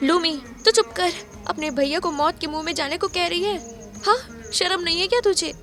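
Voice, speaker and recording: A woman's voice: very high voice, moderate pace. Woman playing a stern panicked mother. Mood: scolding. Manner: scolding, insistent. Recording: voice over loud background music.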